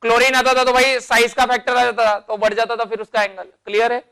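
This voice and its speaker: A man's voice: very high-pitched, little pitch movement, quick pace, pushed and bright, clean tone. A man teaching a chemistry lecture, explaining step by step and answering his own questions as he goes, with terms. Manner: calls students beta and bhai. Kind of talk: classroom lecture.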